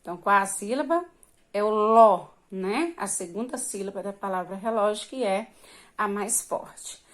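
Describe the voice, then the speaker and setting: A woman teacher, giving a remote lesson to young schoolchildren and stretching out words to stress syllables. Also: mid-range voice. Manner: slow, patient, drawn-out emphasis on syllables.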